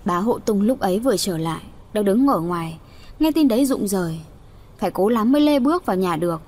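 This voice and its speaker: A woman's voice: medium pitch, animated, a little fast, darkish tone. A woman reading a dramatic story aloud as audiobook narrator.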